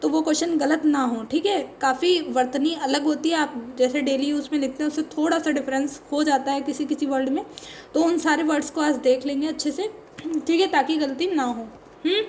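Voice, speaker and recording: A woman's voice: sits high, moderate pace, a little mellow, a little hiss or hum. A woman teaching a spelling lesson for exam preparation, explaining patiently and checking in often with her students. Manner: explains patiently, says "ठीक है" constantly.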